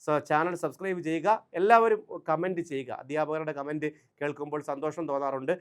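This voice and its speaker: A man with a fairly high voice and a Malayali accent, teaching English grammar to exam candidates. He drills words aloud in lists and checks with the class through quick questions. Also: clean tone. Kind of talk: online exam-prep lesson.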